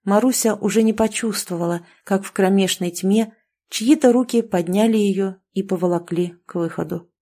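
A woman narrating a story in a steady, expressive reading. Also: medium pitch, normal speed. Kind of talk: scripted audiobook narration.

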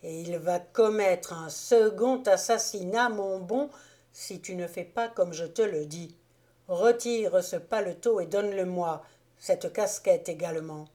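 A woman voicing a bold adventurous man who gives gruff, mocking orders in an audiobook. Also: lowish voice, measured pace, mellow, lightly acted. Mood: menacing.

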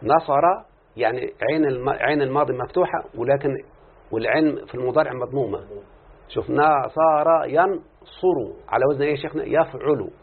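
A brisk, husky man at medium pitch teaches Arabic morphology in an Egyptian accent. He explains grammar by questioning his students and pulling answers from them, heard through a thin, phone-quality recording.

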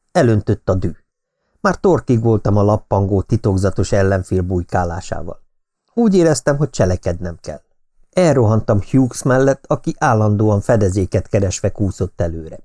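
A man reading an audiobook, telling a first-person story in a steady manner. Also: fairly low pitch. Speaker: audiobook narrator.

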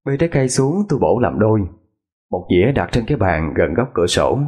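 A man narrating a ghost story in the first person, with lively, dramatic storytelling. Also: on the low side, a little fast, slightly rough.

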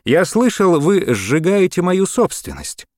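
A man's voice: high-pitched, very animated, a little mellow, dry recording, clean studio sound, pitched above the performer's own voice. A man doing a stern young landowner. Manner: cool, stern, measured.

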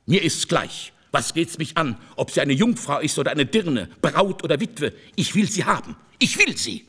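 A man's voice: a little high, very animated, normal speed, pushed and bright, slightly rough, full character voice. A man reading as Casanova, a bitter aging seducer. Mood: insistent. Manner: declaiming, grim, insistent. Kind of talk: audiobook character reading.

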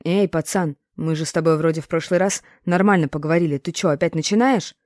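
A brash grown man, slangy and blunt, as a woman narrator reads his lines. He stays in her low, mellow register. The delivery is dry and close to the mic. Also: quick pace, no room sound, natural voice. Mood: teasing. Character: brash, rough-talking grown man, teasing.

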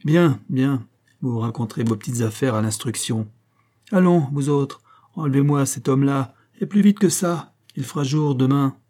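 A man's voice: medium pitch, moderate pace, mellow, voice pushed up, close to an everyday voice. A man voicing a sneering middle-aged police chief who gives orders in a commanding, mocking way.

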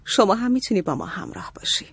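A woman voicing a playful, self-assured young woman in an audiobook drama, in a lively, teasing way. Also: mid-range voice, husky, dry recording, full character voice. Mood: sassy. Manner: lively, teasing, a little bossy. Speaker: voice actress in an audiobook.

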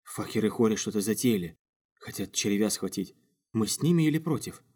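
A man voicing a nervous young male gang member who speaks in an urgent hushed way. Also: on the low side, expressive, brisk, husky.

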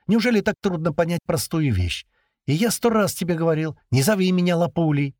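A man's voice: medium pitch, sing-song, a little fast, darkish tone, breathy edge, no room sound, studio quality, voice pushed up. A man playing an exasperated, hunted middle-aged man. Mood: irritated. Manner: irritable, exasperated, raises his voice.

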